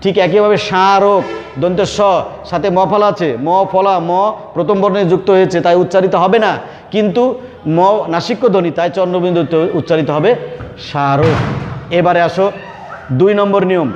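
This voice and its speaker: Man, teacher, online grammar lesson, high voice, repeats key words, long room echo. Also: fairly even intonation, fairly quick, lo-fi sound, a little hiss or hum. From Bangladesh.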